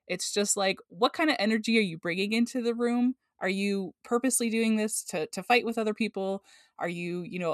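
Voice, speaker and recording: A woman's voice: medium pitch, no room sound, clean studio sound. A woman hosting a podcast, talking in a conversational, emphatic way with playful asides. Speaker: podcast host. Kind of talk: casual podcast chat.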